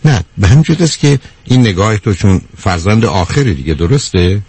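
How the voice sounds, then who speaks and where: A man's voice: fairly low pitch, animated, a little mellow, slightly rough, no echo. A man hosting a call-in advice show, bluntly lecturing a caller with rhetorical questions and calling her dear. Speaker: radio advice host. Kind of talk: call-in counseling.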